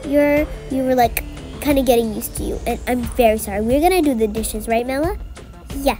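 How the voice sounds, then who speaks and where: A woman's voice: high-pitched, fairly quick, dark tone, soft background music, lightly acted. Woman playing snotty bratty little girls. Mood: sweet. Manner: snotty, whiny.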